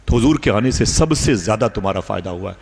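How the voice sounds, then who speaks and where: A man's voice: fairly low pitch, lively intonation, vocal fry, a little mellow, breathy edge. A male preacher telling a story in an emotional sermon, addressing the women listening with passion. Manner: impassioned, addresses the women of the audience.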